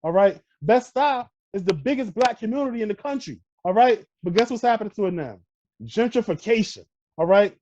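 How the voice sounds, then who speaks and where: A man's voice: high-pitched, lively intonation, a little fast, a little mellow, muffled recording, a little hiss or hum. A man from Brooklyn with a New York accent, talking emphatically in a casual podcast conversation and tagging points with "all right". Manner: emphatic, peppers points with "all right" and "you know what I mean".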